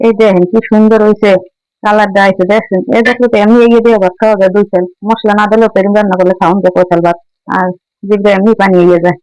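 A woman's voice: medium pitch, steady tone, rapid-fire, darkish tone, clear, resonant tone, no echo, low-quality recording. A woman from Barishal with a Barishal Bangla accent mixed with Dhaka speech, chatting casually as she cooks and reminisces. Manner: chatty, reminiscing while cooking. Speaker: home cooking vlogger. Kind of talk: casual cooking narration.

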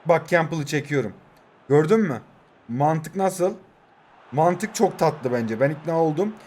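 This young man in his 20s runs a YouTube channel about a mobile football game and commentates excitedly on his own matches, cracking jokes, celebrating goals, and addressing both his players and his viewers. His darkish voice sits fairly high and is expressive, at a slightly slow pace, with a little hiss or hum.

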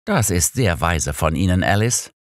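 A smug, lecturing old detective holds forth in a low, lively voice, as a man reads him aloud. His tone stays superior and a little needling. The audiobook recording is dry and close. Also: moderate pace, no echo. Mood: coaxing. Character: sharp, know-it-all older male detective.

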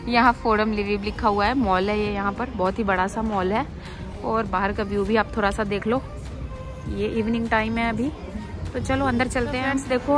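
Chatty young woman vlogger over music. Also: a little high. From India. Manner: chatty, shows places to the camera. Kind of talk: casual travel vlog. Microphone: phone camera. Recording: loud background music.

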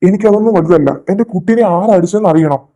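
A man voicing an older, hot-tempered father who is recovering from surgery and loudly demands answers in a fan audio drama. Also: sits high, fast, lightly acted. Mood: angry.

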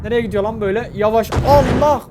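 A young Turkish man commenting casually on a driving game, excitable and mock-lamenting, cursing often. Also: very high-pitched, fast, noisy background. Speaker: gaming channel host.

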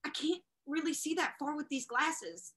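A woman reading the part of a hurried, puzzled young woman student in a play reading. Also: high voice, lively intonation, pushed and bright. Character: distracted young woman art student, twenty.

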